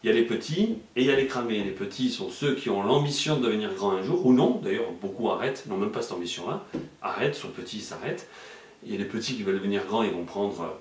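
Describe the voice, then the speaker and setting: Man, journalist guest, hesitant with many fillers, deep voice, far from the mic. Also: fast talker. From Marseille, France. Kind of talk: casual explanatory interview talk. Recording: echoey room, mic far off.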